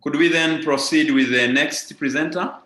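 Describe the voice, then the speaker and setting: A man's voice: fairly high pitch, moderate pace, pushed and bright. A man chairing an online medical session, courteously inviting the next presenters with hesitant uhs. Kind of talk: formal chairing. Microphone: video call. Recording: echoey room on a call.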